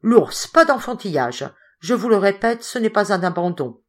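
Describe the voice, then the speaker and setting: A woman voicing a brisk, dismissive male expedition leader in an audiobook. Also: high-pitched, sing-song, a bit bright, heavily acted. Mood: impatient. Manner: brisk and reassuring.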